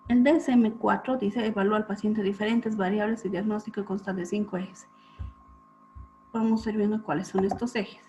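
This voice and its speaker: A woman lecturing students on clinical topics, explaining step by step and often checking in with a quick question. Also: mid-range voice, steady tone, warm tone. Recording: dull lo-fi recording with faint hum.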